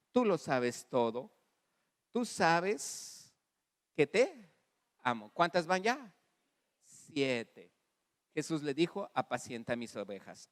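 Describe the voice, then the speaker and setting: A pastor with a Mexican Spanish accent and a medium-pitched voice preaches animatedly in a church hall, calling on the congregation to repeat after him and voicing dialogue in different characters. Long reverb fills the recording.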